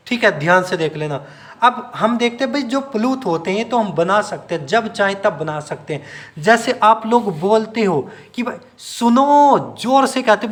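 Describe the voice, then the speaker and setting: A man's voice: high-pitched, fairly bright tone. A man teaching a grammar lesson to exam students, drilling them with repeated questions and answers and stretching sounds out to demonstrate. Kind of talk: classroom-style video lesson.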